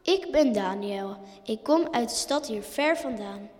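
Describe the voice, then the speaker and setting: A calm, wise donkey from a storybook talks slowly and solemnly, voiced by a woman reading aloud. His voice sits a touch high. A long reverb trails after him. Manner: slow, solemn.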